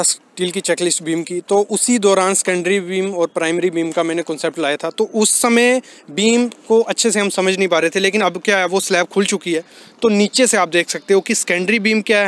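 A man's voice: high voice, a bit bright, smooth. A young man, a civil engineer, walking a building site with a phone camera and explaining construction terms step by step.

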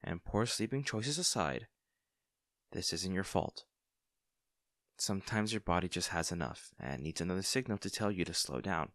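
Here a man with a deep, expressive voice speaks at a moderate pace, recorded at studio quality with no echo. Acting naturally in an intimate comfort roleplay, he voices a caring young male barista who is shyly smitten, offering soft-hearted, somewhat hesitant reassurance.

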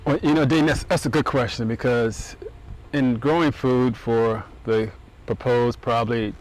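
A middle-aged man giving steady, thoughtful answers in an outdoor interview on a farm. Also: mid-range voice, unhurried, faint music behind, low-quality recording. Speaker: urban agriculture center director. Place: outdoors on a farm, seated on a bench.

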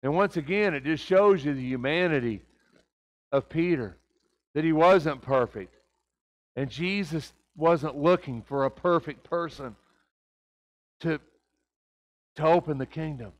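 A man's voice: on the high side, measured pace, pauses often. An older man preaching a conversational sermon in a church sanctuary, asking the congregation rhetorical questions.

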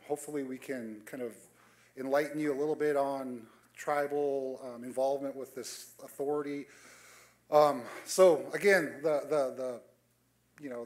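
Panel moderator guy, mid pitch, kinda monotone, dry humor, lots of ums. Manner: reflective, many fillers. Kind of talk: conference panel remarks. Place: conference hall stage.

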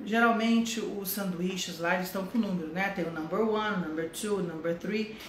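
A middle-aged woman from Brazil runs a casual live English lesson, chatting with viewers by name and stretching out each English phrase. Her voice sits at an ordinary pitch and rings in a roomy space, with a faint hum of ambience behind her. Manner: slows down and stresses English phrases. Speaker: English teacher.

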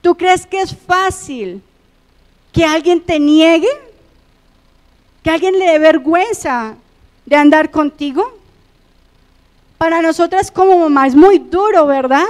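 A woman pastor with a Colombian accent preaching a sermon, passionately swinging between loud emphatic lines and hushed, soft ones. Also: very high voice, slow, long pauses, long reverb tail.

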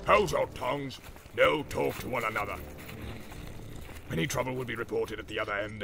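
A man voicing a brutal, menacing orc captain with a gravelly, growling voice. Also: fairly low pitch, voice pushed down. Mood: threatening.

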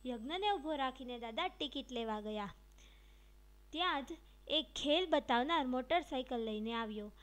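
A woman teacher with a high-pitched, expressive voice reads a storybook aloud to young pupils at normal speed. She addresses the children directly and adds light expression to the dialogue.

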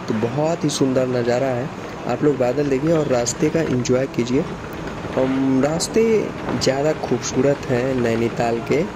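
A man narrating a casual travel vlog from inside a moving bus, chatting to viewers about the mountain scenery. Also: medium pitch. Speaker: travel vlogger. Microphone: handheld camera by the bus window. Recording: clear vehicle noise behind. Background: bus engine and road noise.

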